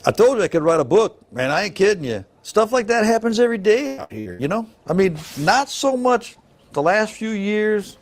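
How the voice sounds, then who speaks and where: A man's voice: sits high, big pitch swings, normal speed. Folksy middle-aged man telling a story. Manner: folksy, chatty, peppered with "you know" asides. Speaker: truck scale inspector. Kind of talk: casual storytelling.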